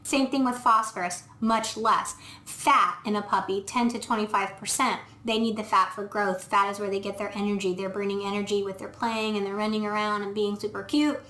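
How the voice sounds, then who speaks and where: A woman's voice: mid-range voice, fairly even intonation, a little fast, pushed and bright. A woman veterinarian casually reviewing dog food on camera, explaining step by step as she thinks aloud with frequent ums. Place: indoor room, filming herself. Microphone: camera mic. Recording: echoey room.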